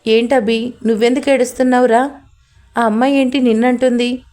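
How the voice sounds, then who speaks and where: A concerned, kindly middle-aged father, as a woman narrator puts him on. He questions gently and explains patiently, in a voice pitched a little high. It belongs to a spoken love story. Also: flat delivery, fairly quick, lightly acted. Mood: explaining.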